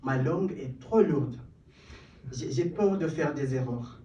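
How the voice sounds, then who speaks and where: At an open mic in a cellar, a young man from Kenya performs spoken-word poetry in English, his delivery rhythmic and building, punctuated by self-deprecating asides. His medium-pitched voice is expressive and dark-toned at a measured pace. The distant, roomy live recording is muffled, with a little hiss or hum.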